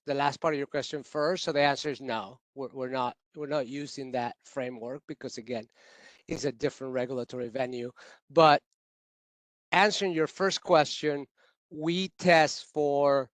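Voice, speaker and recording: A man who leads utility climate adaptation work, giving measured, technical explanations on a video call with frequent restarts. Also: on the high side, dry recording. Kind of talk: virtual workshop remarks.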